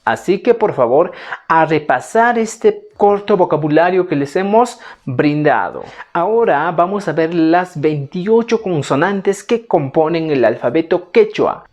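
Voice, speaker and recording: A woman teaching a Quechua lesson, slowly pronouncing example words and repeating them in drills. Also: fairly low pitch, darkish tone. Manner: slow, careful enunciation of example words. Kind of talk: language lesson, slow repetition drills.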